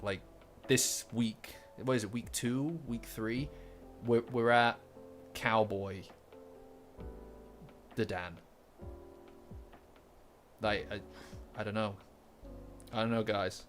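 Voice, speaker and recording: Fairly low in pitch yet a bit bright, this man's voice carries a relaxed manga commentary livestream. His talk wanders, full of fillers, repeats and restarts, over a faint lofi guitar track.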